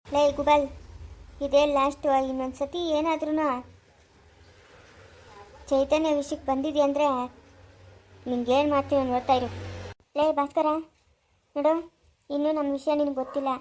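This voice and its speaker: A menacing witch, acted by a woman in a home-made village drama, speaks in a high, flat, commanding voice. She hands out cold threats without raising her tone. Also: normal speed, pauses often, slight background noise, natural voice, rough recording. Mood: threatening. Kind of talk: amateur village drama acting.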